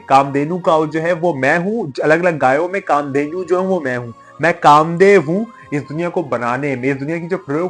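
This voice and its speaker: A young man with a slightly high-pitched voice, walking through a scripture passage by passage. He rephrases every line in plainer words and drops English terms in among his own. Soft music plays faintly underneath. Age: young adult. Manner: restates each point in simpler words, mixes in English terms. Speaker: religious video presenter. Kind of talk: explanatory talk on a scripture. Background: faint background music.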